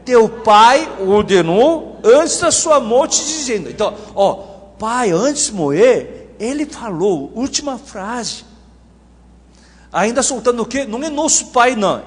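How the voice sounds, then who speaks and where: Male preacher, high animated voice, keeps quizzing the congregation, echoing church hall. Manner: animated, questions the audience often. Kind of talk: sermon with congregational Bible reading.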